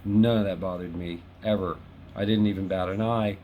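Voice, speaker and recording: In a casual home video shot at his West Hollywood home, a Los Angeles man in his fifties hosts a chatty, wry, self-deprecating monologue to camera. His voice is low and steady at a moderate pace. The audio is narrow and tinny with a little hiss or hum.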